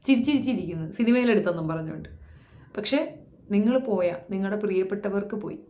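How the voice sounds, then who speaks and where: A woman's voice: mid-range voice, darkish tone, roomy sound. A woman giving a blunt, impassioned commentary, scolding and firing rhetorical questions at young women. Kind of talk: impassioned social commentary monologue.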